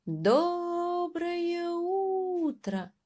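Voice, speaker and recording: A woman doing a squeaky little storybook mouse. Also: big pitch swings, mellow. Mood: eager. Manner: high calling voice, drawn-out greetings. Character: small young male mouse, eager and squeaky.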